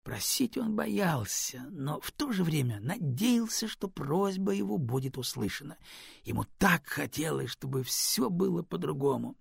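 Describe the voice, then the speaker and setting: Husky, gravelly male audiobook narrator. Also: on the high side, moderate pace, no echo, studio quality. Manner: expressive storytelling. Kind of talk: scripted narration.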